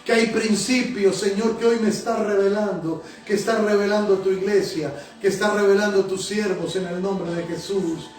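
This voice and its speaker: Male pastor, high-pitched, fervent prayer, heard from across a reverberant sanctuary. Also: fairly even intonation, moderate pace, hardly any pauses. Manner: fervent, repeating Señor and Padre between phrases. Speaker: pastor and prophet. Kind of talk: sermon and spoken prayer. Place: church sanctuary. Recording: echoey church hall from a distance. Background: soft music.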